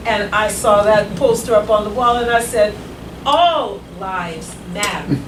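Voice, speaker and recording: A grandmother in her sixties rambles through a personal story at a community meeting, turning emphatic and forceful as it goes on. She speaks at a measured pace in a mid-range voice, and the recording, made in an echoey meeting room far from the mic, carries loud noise.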